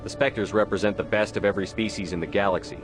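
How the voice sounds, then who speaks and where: An actor plays a hard-edged military commander in a sci-fi game. He speaks low and briskly with blunt authority, music playing clearly behind him. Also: steady tone, close to an everyday voice. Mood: guarded, formal. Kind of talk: video game drama acting.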